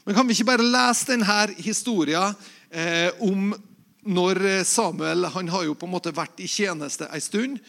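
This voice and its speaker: A man's voice: high-pitched, gravelly, fairly bright tone. A man giving an informal sermon, talking hesitantly with many fillers and restarts and asking the listeners questions. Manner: conversational, asks the listeners questions. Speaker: preacher. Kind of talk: informal sermon with Bible reading.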